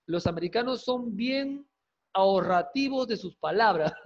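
High-voiced teacher on a video call. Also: male voice, unhurried. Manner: lively, coaxing students with questions and quips. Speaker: English teacher. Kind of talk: online class lesson. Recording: dull lo-fi video call audio.

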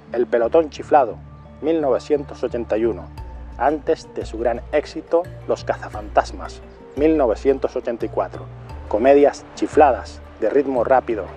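A middle-aged man delivers a film review as a monologue in a mid-range voice with a dark tone. He speaks deliberately, repeating titles and years for emphasis.

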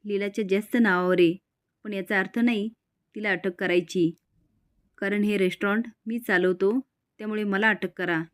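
A woman's voice: mid-range voice, steady tone, moderate pace, clear, resonant tone, natural voice. A woman voicing a worried male restaurant owner, read plainly in a story recap. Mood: firm.

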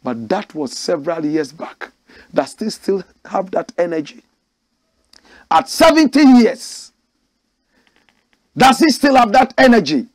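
A male commentator reads a news story aloud and breaks in with emphatic, preachy asides, often answering his own rhetorical questions. His voice sits high and swings widely in pitch. It has a husky edge and sounds dry and close. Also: lively intonation, unhurried, pauses often, dry recording. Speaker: show host and commentator. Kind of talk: political commentary reading a news article aloud.

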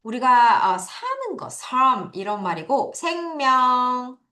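A woman teacher giving an online vocabulary lecture, drilling pronunciation by slowly repeating words for her students. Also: high voice, very animated, sharp tone. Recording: echoey room.

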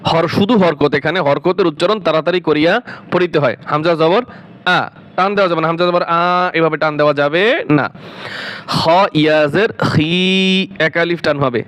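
A man's voice: a little high, steady tone, a little fast, fairly bright tone. A man teaching Quran recitation, spelling out letters and drawing out each syllable, repeating words several times before explaining them. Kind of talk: slow spelled-out recitation lesson.

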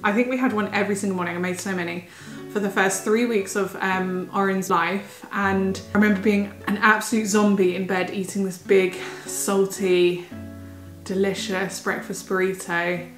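Pregnant young woman, slightly breathless, chatty and upbeat, home vlog, echoey room, soft music behind. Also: mid-range voice, level tone, normal speed. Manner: chatty, enthusiastic. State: heavily pregnant, a bit out of breath. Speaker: vlogger. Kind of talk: casual food haul vlog. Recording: roomy home recording with faint music.

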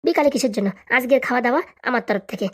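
Woman voicing a young cartoon husband, pleading, coaxing, high voice, rapid talk. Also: husky. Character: apologetic stingy young husband. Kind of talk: cartoon voice acting.

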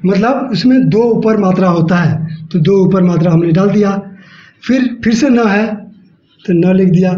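A man with a noticeably high voice teaches a step-by-step language class in the manner of a teacher. He moves slowly and repeats himself as he writes on the board. The sound is dull and lo-fi, and his voice echoes around the room. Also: a little mellow. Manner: slow, repeats each step, explains aloud while writing.

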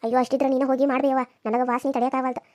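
A woman's voice: sits high, level tone, racing, a little mellow, dry recording, voice pushed down, lightly acted. A woman voicing a spoiled, scornful young village woman in a cartoon serial, with a sneering, complaining manner.

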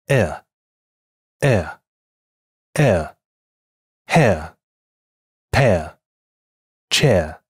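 A man with a fairly low, slightly husky voice explains pronunciation points in a calm, even scripted voice-over. He slows right down to demonstrate example words one by one, clear and deliberate. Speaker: English pronunciation teacher.

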